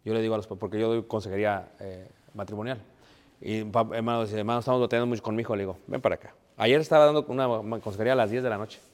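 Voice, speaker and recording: A man's voice: lowish voice, fairly even intonation, very fast. Bilingual preacher man in a reverberant hall. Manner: preachy, addresses congregation as brothers, mixes English phrases. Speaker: pastor. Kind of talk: sermon. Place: church.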